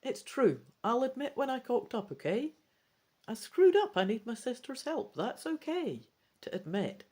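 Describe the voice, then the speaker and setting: A woman with a slightly high, slightly slow and somewhat rough voice reads a gamebook aloud in a dramatic, expressive way. As she plays through it, she tosses in casual commentary with theatrical flair.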